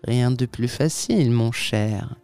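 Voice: medium pitch, takes it slowly, dark tone, faint music behind, voice pushed down. A reader voicing a sly, mocking male tempter who speaks with unctuous, overly polite irony in an audiobook reading. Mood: silky, mocking.

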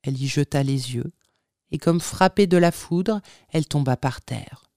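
An audiobook narrator giving dramatic, expressive readings of a literary tale. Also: mid-range voice, normal speed, no echo, studio quality. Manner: expressive, theatrical storytelling.

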